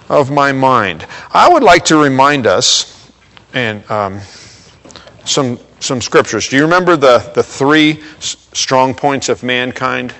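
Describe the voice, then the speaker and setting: A male pastor delivering a sermon in a conversational way, checking in with "okay?" and getting louder and higher for emphasis. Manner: rises in pitch and volume for emphasis. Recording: long reverb of a hall.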